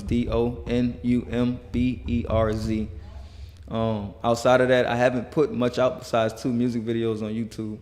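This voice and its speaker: A man's voice: mid-range voice, a little mellow. A man being interviewed as a musician, talking earnestly and rambling with many restarts. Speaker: guest musician. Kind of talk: casual interview talk. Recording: reverberant hall.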